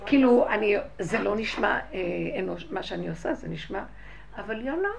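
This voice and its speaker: A woman giving a religious talk to a group, telling personal stories and speaking straight to her listeners, moving from quiet, hushed stretches to loud outbursts. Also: medium pitch, animated, gravelly, crowd noise. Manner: addresses listeners directly. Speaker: spiritual teacher.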